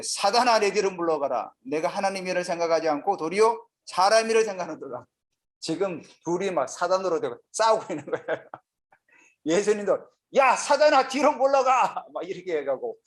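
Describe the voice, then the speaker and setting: A male pastor teaching a Bible study sermon in a lively, conversational way, often asking the congregation questions. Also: a little high. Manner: lively, asks the audience many questions. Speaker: senior pastor.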